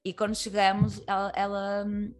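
A woman's voice: mid-range voice, monotone, moderate pace, music in the background. A woman with a European Portuguese accent, a comedian talking candidly as a guest, rambling through many fillers and restarts. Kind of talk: candid podcast conversation.

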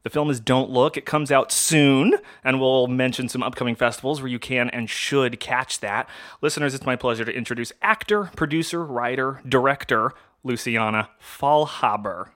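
Chatty male podcast host, energetic and bright, quick to laugh. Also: mid-range voice. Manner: excitable, chatty, laughs easily. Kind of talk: casual chat.

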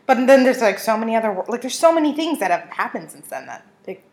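A young woman co-hosting a casual chat, animated and swearing freely with frequent laughs. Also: fairly high pitch, fast, roomy sound. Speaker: co-host.

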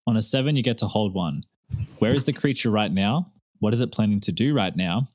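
A man's voice: lowish voice, lively intonation, fairly quick, a little mellow, no room sound. A man running a tabletop role-playing game as game master, telling the scene descriptively in a casual way. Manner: descriptive storytelling, casual asides.

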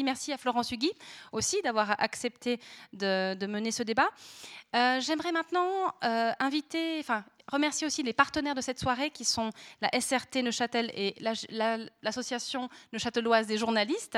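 Introducing a debate as the event host, this woman has a high-pitched, somewhat bright voice. She makes semi-formal announcements, occasionally pausing to find the right words.

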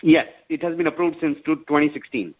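A man calling into a radio advice show over the phone, laying out his situation politely and haltingly. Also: a little high. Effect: phone call heard on air. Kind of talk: call-in question. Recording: dull phone-line sound.

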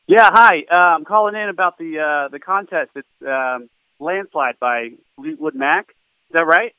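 A man's voice: fairly high pitch, a little slow, clear, resonant tone, no echo. A man calling in by phone from Phoenix, Arizona, rambling and distracted, repeating "yeah" over and over. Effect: heard over the phone. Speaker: caller. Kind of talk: phone call-in chat. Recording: tinny dry phone line.

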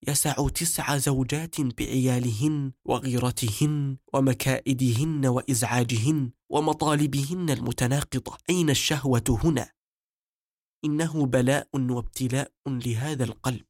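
A man reads a book aloud in a measured, solemn manner, at a mid pitch for a man. The sound is dry and close, with no room echo behind his voice. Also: a little mellow. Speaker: audiobook reader. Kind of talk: scripted book narration.

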